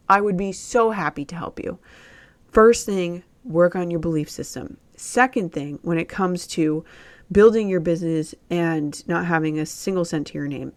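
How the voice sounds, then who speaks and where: A woman hosting a solo podcast, giving business coaching advice in an emphatic way and repeating key words. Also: on the low side.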